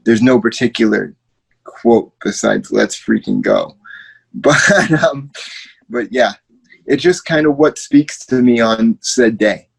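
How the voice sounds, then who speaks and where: A man of ordinary pitch talks in a relaxed, friendly way on a podcast recorded over a video call. He laughs easily and cheers others on. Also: slow pace, vocal fry, husky, low-quality recording. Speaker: podcast co-host and guest. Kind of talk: casual chat.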